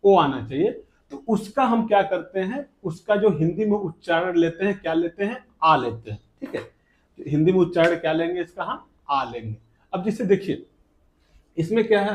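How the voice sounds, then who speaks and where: A man's voice: high voice, a little mellow. A male English teacher with a Hindi accent, giving a classroom lesson and constantly asking rhetorical questions that he answers himself.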